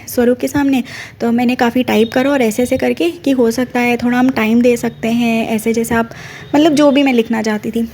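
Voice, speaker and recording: Mellow-voiced woman giving a devotional testimony. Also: on the high side. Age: middle-aged. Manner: earnest storytelling, addresses listeners directly. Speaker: devotee sharing a personal experience.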